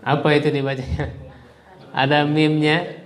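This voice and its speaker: A man teaching an Arabic class, drilling phrases slowly and leading group repetition. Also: on the high side, little pitch movement. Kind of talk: classroom lesson. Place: classroom with students.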